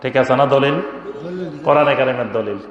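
A man's voice: mid-range voice, normal speed, echoey room, big-room sound, highs cut off. A man preaching a waz sermon, throwing rhetorical questions at the crowd and chanting some phrases.

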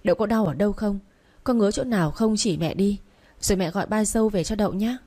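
Woman voicing a gentle young mother. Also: medium pitch, quick pace, lightly acted. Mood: coaxing.

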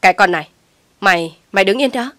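A woman voices an enraged middle-aged mother, shouting and scolding harshly in a furious mood. Her voice sits on the low side, fairly quick, and close to an everyday voice. The recording is dry and close, with no room sound.

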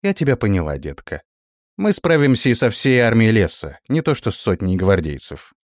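A cool, self-assured witch, voiced by a male reader, speaking calmly and without hurry. Her lines come in a storybook reading, fairly low and dry. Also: no room sound. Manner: calm, unhurried, confident.

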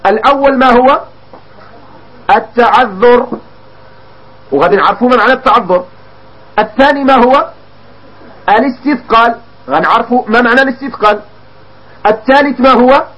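A man with a Moroccan Arabic accent teaching grammar, repeating definitions slowly and quizzing his students with questions. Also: extremely high pitch, fairly bright tone. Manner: slows down to dictate key definitions word by word. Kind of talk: classroom lesson on Arabic grammar. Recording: dull lo-fi lecture recording.

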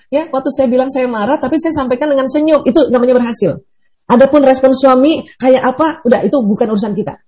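Lively, teasing female preacher, mellow voice. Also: a little high, husky. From Bugis heritage, Indonesia. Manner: lively, teasing, laughs often, animated swings. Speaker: Islamic preacher. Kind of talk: religious seminar talk.

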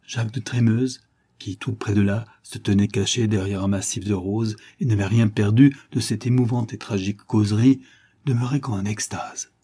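Husky, dark-toned male narrator for a dramatic audiobook. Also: fairly low pitch, moderate pace. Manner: expressive, dramatic storytelling. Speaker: audiobook reader. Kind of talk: scripted narration of a classic novel.

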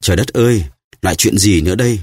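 A man's voice: on the low side, fast, darkish tone, husky, no room sound, clean studio sound, pitched above the performer's own voice. A man voicing a ruined, grief-stricken merchant who talks in a choked, solemn way in an audiobook. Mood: grieving.

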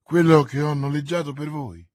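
A man's voice: fairly high pitch, normal speed, a little mellow, close to an everyday voice. A man voicing a grim, resolute young officer in an audiobook reading. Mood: calm.

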